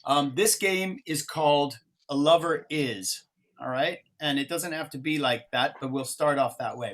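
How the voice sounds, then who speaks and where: A workshop facilitator with a mid-range, fairly bright voice leads an interactive improv exercise over a video call, heard through a video call microphone. He explains it step by step and keeps his tone encouraging.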